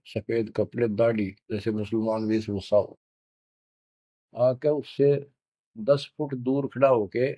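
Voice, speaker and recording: A man preaching a devotional sermon, telling a village story and chanting verses in a drawn-out voice. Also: mid-range voice, no room sound. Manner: slow, addresses listeners as children, chants verses drawn out. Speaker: spiritual preacher. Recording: dull lo-fi recording.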